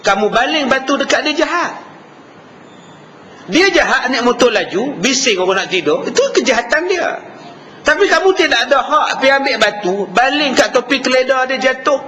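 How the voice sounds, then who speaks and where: A man preaching a lively sermon with a Malaysian Malay accent, acting out dialogue with shifting voices. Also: very high voice, moderate pace. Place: mosque hall. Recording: reverberant hall with faint background noise.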